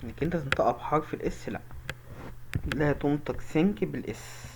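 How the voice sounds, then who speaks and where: A man with an Egyptian Arabic accent teaching English pronunciation, repeating each word slowly and emphatically as a drill. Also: a little high, expressive, background noise. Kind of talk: pronunciation lesson.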